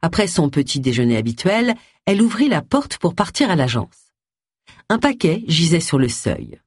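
An audiobook reader giving expressive scripted narration close to the mic. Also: medium pitch, normal speed, slightly rough, no echo. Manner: expressive storytelling.

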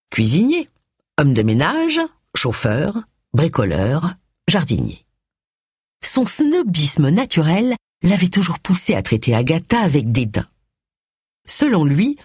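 A woman reads an audiobook with measured, expressive delivery and a voice that rises and falls a great deal. Her tone is breathy, and the recording is dry and close to the mic. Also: on the low side, no room sound. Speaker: audiobook narrator. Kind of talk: scripted audiobook narration.

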